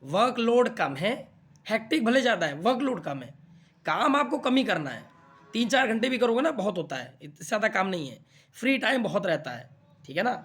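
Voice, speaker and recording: A man's voice: high voice, very animated, a little fast, fairly bright tone. A young man coaching exam students in a chatty, explaining way, often checking that they follow. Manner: chatty, repeats "theek hai na" to check understanding. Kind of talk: casual explainer talk to students.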